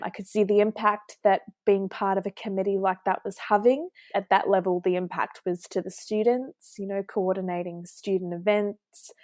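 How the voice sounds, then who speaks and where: Speaking at a moderate pace with hardly any pauses, this twenties-something New Zealand pharmacist recounts her story on a podcast in a friendly manner, using some fillers. Her mid-range voice is flat and a little mellow, and the sound carries no echo.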